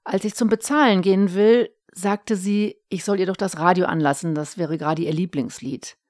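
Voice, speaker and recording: A woman's voice: fairly low pitch, steady tone, normal speed, a little mellow, no echo, clean studio sound, close to an everyday voice. A woman reading the part of a sly, sheepish middle-aged husband who talks hastily and coaxingly. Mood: wheedling. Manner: wheedling, hasty, coaxing.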